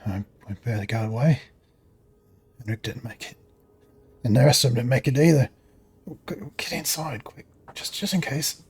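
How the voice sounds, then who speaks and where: A man's voice: medium pitch, moderate pace, pauses often, a little mellow, slightly rough. A man voicing a frightened male half-orc survivor who stammers urgently. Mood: shaken.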